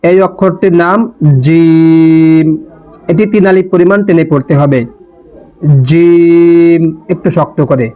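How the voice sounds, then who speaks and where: A man teaching letter pronunciation in a slow lesson, repeating and drawing out each sound with care. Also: high-pitched, darkish tone, faint music behind. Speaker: Quran teacher. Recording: dull lo-fi recording.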